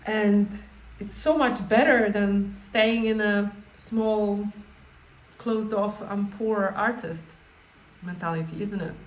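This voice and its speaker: A woman coach leading an informal guided meditation, speaking off the cuff in a halting way and often rephrasing herself. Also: medium pitch. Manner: halting, spontaneous, with repeated words and rephrasing. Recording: echoey room with faint background noise.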